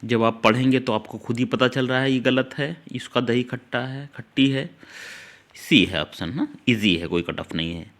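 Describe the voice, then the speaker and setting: Male teacher, mid-pitched, exam-prep grammar lesson, talks straight to the students, drags out key words for them to copy. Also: fairly bright tone. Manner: explains step by step, repeats key words slowly; talks directly to students, urging them to note things down.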